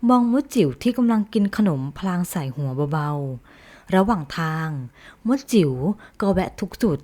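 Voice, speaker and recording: A woman narrating bedtime stories in a slow, soothing way. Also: on the low side, animated, a little mellow. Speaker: storyteller.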